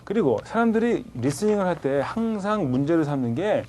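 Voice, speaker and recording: A man teaching a TOEIC grammar class, lively and conversational, firing rhetorical questions at his students. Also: a little high, a little fast, a little hiss or hum. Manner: animated, rhetorical questions, colloquial asides. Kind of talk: classroom lecture.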